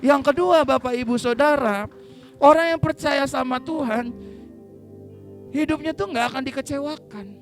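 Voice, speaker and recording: An Indonesian-accented pastor delivers a lively church sermon, joking, leading call-and-response with the congregation, and acting out voices from Bible stories. His voice is very high, his speed normal, and he takes long pauses while faint music plays behind him.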